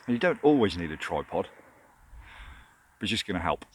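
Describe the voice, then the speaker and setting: Low-voiced British man, outdoor rumble behind. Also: sing-song, a little fast. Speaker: photography vlogger. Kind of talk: casual instructional vlog talk. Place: outdoors in countryside. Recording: outdoor noise, vehicle rumble. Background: rumbling tractor and outdoor ambience.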